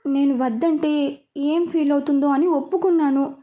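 A woman voicing a gentle, anxious older sister who talks softly and coaxingly in a storybook reading. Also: high-pitched, fairly even intonation, normal speed, natural voice.

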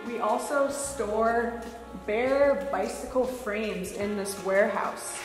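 A woman's voice: on the high side, slow pace, over music. A young woman giving a plain-spoken, instructional walk-through tour, her voice carrying an empty warehouse echo. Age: young adult. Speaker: bike shop tour guide. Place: large indoor warehouse. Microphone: clip-on chest mic. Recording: roomy empty warehouse echo, long reverb.

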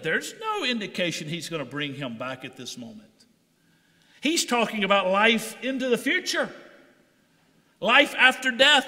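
A man's voice: on the high side, pushed and bright, big-room sound. A man preaching a sermon, reading scripture aloud and then explaining it with rising intensity. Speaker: pastor. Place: church sanctuary.

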